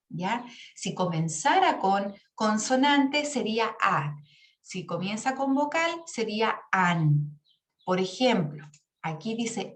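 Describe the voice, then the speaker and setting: A woman's voice: a little high, echoey room. A woman teaching an English grammar class, explaining patiently and checking in with her students often.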